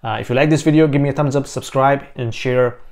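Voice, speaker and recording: A man's voice: medium pitch, steady tone, fast, darkish tone. Man giving thoughtful market commentary. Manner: thoughtful, many fillers and restarts. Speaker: realtor and finance vlogger. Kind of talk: casual market commentary to camera. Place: small home office. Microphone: lapel mic.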